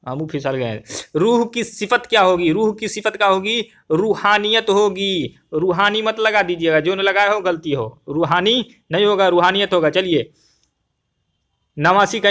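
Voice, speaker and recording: A young man going briskly through exam answers as a teacher, repeating each question and answer and calling the viewers his friends. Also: high voice, fairly bright tone.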